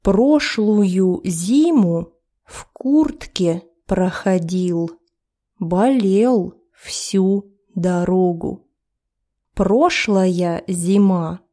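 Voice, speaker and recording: A woman teaching a language lesson, explaining each phrase of a text step by step in a deliberate way. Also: medium pitch, mellow.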